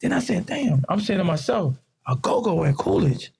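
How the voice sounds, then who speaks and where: A man's voice: moderate pace, gravelly, slight background noise. A man, a podcast guest telling stories in casual chat and acting out the quotes. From raised in New York. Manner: relaxed storyteller who acts out quotes in a higher voice.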